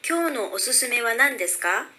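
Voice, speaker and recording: Very slow, bright female phrase reader. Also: a little high, animated. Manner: very slow, careful model pronunciation. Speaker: native speaker reading phrases. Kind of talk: recorded phrase reading.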